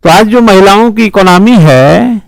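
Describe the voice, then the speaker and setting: A man with a high voice teaching an exam-prep lecture, driving points home with questions and repeated refrains. The sound is close and dry, with no room echo. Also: measured pace, vocal fry. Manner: emphatic, rhetorical questions and repeated slogans. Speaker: civil services exam teacher. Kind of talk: classroom lecture.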